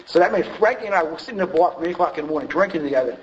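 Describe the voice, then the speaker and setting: A man's voice: a little high, lively intonation, rapid-fire. A man telling a rambling, self-deprecating personal story about his drinking, full of fillers and restarts. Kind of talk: personal recovery story told to a group. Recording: dull lo-fi recording, faint hiss.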